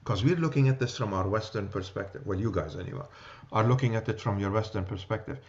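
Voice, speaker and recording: A man's voice: lowish voice, fast talker, a little mellow, lo-fi sound. A man with a New York accent teaching an adult church class, talking loosely and checking in with "okay?" and "right?". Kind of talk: church class lecture with discussion.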